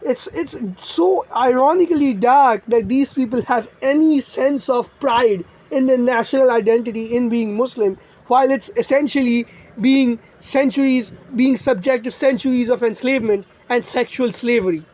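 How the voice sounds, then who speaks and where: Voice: mid-range voice, normal speed, darkish tone. A young adult from India, ranting in a profane, sarcastic and rambling commentary vlog. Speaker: online commentator.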